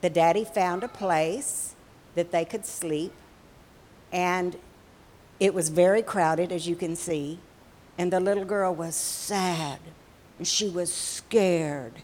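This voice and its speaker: A woman telling a story in a sermon, slow and expressive, with dramatic pauses. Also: lowish voice, a little hiss or hum.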